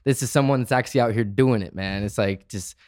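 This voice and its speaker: A man's voice: fairly low pitch, fast talker, darkish tone, no echo, clean studio sound. A man hosting a podcast in casual chat, laid-back and full of slang. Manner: laid-back, heavy on slang like bro and dude. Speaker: podcast host.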